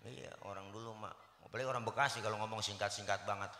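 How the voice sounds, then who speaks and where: A man's voice: fairly low pitch, steady tone, fast, sharp tone, a little hiss or hum. A man giving a comic sermon, joking in punchy playful asides. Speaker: preacher. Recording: echoey live hall recording.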